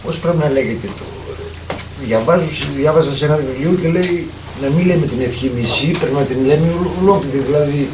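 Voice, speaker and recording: A man with a mid-range voice in the audience asks his question haltingly, stumbling and restarting words. He sounds distant from the microphone in an echoey room, with a clear hiss behind him. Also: fairly high pitch. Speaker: audience member asking a question.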